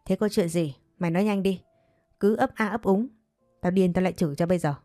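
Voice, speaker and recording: A woman voicing a stern, short-tempered middle-aged mother who scolds harshly and quickly in a storybook tale. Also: fairly low pitch, a little mellow, no echo, clean studio sound, soft background music, lightly acted. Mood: scolding.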